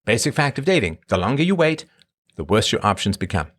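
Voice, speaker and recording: Very animated and fairly quick, with a fairly bright tone, this middle-aged host was born in Ireland and grew up in England. He rambles through replies to his live chat in a casual monologue, conversational and marked by emphatic pitch swings.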